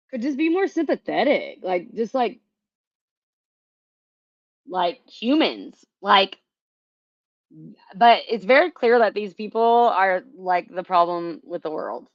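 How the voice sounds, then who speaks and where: A woman's voice: medium pitch, animated, slow, pauses often, no room sound, muffled recording. A woman vlogger talking casually to her viewers, frustrated and rambling, swearing often and filling gaps with "like". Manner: frustrated, swears a lot, rambling with many fillers.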